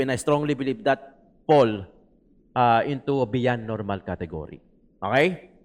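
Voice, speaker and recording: Filipino man rambling in casual commentary. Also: mid-range voice. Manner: rambling, mixes Tagalog and English, repeats "di ba?". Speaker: political vlogger.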